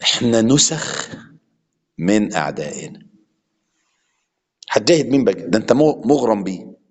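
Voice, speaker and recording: A man's voice: fairly low pitch, big pitch swings, normal speed, a little mellow, husky. A man with an Egyptian accent preaching an impassioned sermon, mixing classical and colloquial Arabic. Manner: impassioned, switching between classical and colloquial speech. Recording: long hall reverb.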